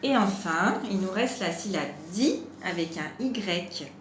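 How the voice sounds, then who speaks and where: A woman gives a gentle preschool lesson at a slow, patient pace, pausing to ask the child questions and drawing out each syllable. Her voice sits in the middle of the usual range. The recording sounds roomy, with a faint hum of ambience behind her. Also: medium pitch, expressive. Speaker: preschool teacher. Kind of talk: home-schooling lesson for young children.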